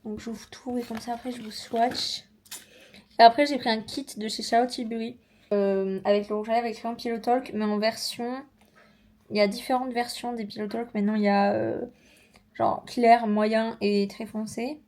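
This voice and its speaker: A young woman chatting casually in a vlog, unboxing and reviewing makeup with slangy, animated asides. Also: fairly high pitch, normal speed. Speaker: vlogger.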